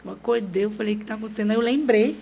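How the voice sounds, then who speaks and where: A middle-aged Brazilian woman, a podcast guest, telling a personal story in a lively way, acting out what people said and laughing often. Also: mid-range voice, very fast, vocal fry. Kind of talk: personal storytelling in a casual interview.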